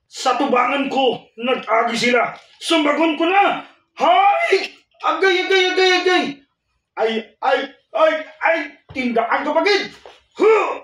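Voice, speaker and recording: A man in an old radio show, acting a radio drama spoof in a melodramatic way, with shouting and wailing. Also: very high voice, recorded from a distance. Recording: echoey room voice from afar.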